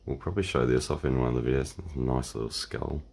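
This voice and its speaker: An Australian man hosting a casual card-opening video, talking in a relaxed, rambling way through a croaky voice. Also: extremely low pitch, fast, a little hiss or hum. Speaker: channel host. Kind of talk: casual unboxing chat.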